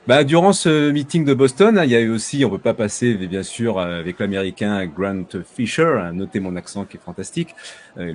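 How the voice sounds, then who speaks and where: Rambling man hosting a sports podcast. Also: on the low side. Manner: hesitant, heavy fillers and restarts; chatty, jokey asides to listeners. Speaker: podcast host. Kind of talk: casual sports news chat.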